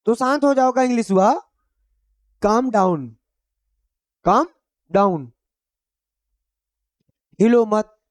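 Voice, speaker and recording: In a Hindi-language English lesson, a man with an extremely high, expressive voice teaches everyday English phrases, drawing out his words and leaving long pauses. He repeats each phrase, drills it with repeated quiz questions for the listener, and explains things in simple, homely terms. The recording is dry, with clean studio sound.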